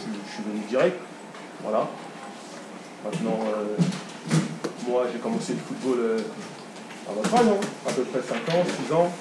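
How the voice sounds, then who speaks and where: A young man from France talks casually to a group of kids, hesitant and full of fillers. He sounds far from the mic in a reverberant room. Steady background noise runs underneath. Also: mid-range voice. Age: 20s. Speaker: guest footballer. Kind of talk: informal talk to kids.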